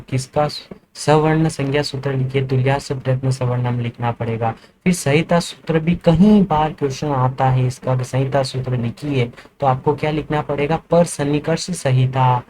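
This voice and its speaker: A man's voice: mid-range voice, a little mellow, a little hiss or hum, poor audio. A man lecturing as a teacher, explaining step by step and answering his own questions. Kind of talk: classroom lecture.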